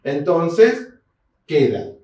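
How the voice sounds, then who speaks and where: A man with an Argentine accent giving a seminar lecture. He explains terms slowly, spells them out syllable by syllable and checks in with listeners through short tags. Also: on the high side, big pitch swings, dark tone. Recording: very echoey hall, mic far off.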